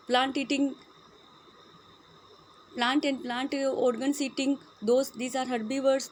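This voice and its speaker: An Indian woman teacher walks her students through a lesson, mixing Hindi with English. Her voice sits high and her pace is very slow and careful. A faint background hum runs under the recording. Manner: mixes Hindi and English, addresses students as beta. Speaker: school teacher. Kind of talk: online class lesson.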